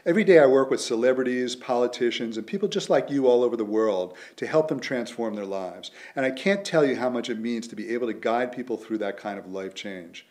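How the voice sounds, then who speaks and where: A man, an author, delivering a scripted promotional pitch in an earnest, persuasive way. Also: fairly quick, hardly any pauses, darkish tone. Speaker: author promoting his method.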